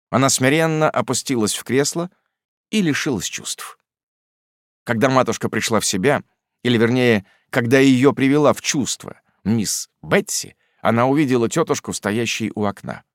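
A man narrating a classic novel as an audiobook in a measured, expressive storytelling manner. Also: mid-range voice, dry recording, studio quality.

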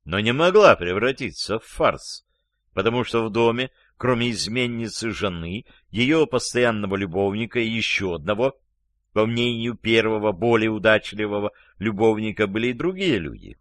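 A man narrating a story as an audiobook, in a measured, wry manner. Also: on the low side, expressive, fairly bright tone, no room sound, studio quality.

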